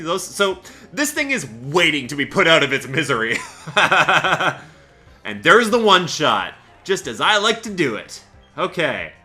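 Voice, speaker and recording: A man's voice: on the high side, sharp tone. A man giving chatty gameplay commentary as a Let's Play host, thinking aloud and often laughing.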